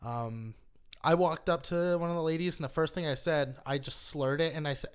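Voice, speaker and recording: A man's voice: a little high, moderate pace, clean tone. Young guy rambling through a bar story. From America. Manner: laughing, rambling storyteller, swears a lot. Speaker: podcast co-host. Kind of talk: casual chat.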